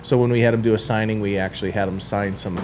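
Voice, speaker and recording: Over soft background music, a man with a lowish, a little mellow voice talks fast with fairly even intonation. He runs a sports collectibles store and is chatting casually on a studio radio show, rambling and filling gaps with "you know" and "uh".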